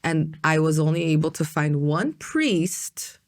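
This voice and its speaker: A woman's voice: sits low, animated, unhurried. A woman hosting a podcast, talking casually and rambling with lots of "like" and "um". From United States. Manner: rambling, heavy use of fillers like "like". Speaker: podcast host. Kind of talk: casual interview chat.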